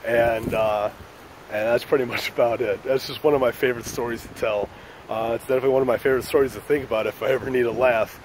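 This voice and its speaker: A man in a casual vlog tells a story in an easygoing, profane, joking way. His voice sits at a middling pitch. A faint hum of traffic runs underneath. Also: fairly even intonation, quick pace. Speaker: channel host.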